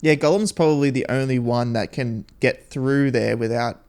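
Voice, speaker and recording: A man's voice: medium pitch, moderate pace, darkish tone. A man hosting a film reaction, chatting casually, laughing often and talking back to the screen. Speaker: reaction video host.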